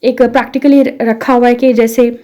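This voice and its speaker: A woman's voice: on the high side, level tone, normal speed, dark tone. A woman with a Pakistani accent, an English course instructor explaining how her course works, posing rhetorical questions and slipping English phrases into her talk.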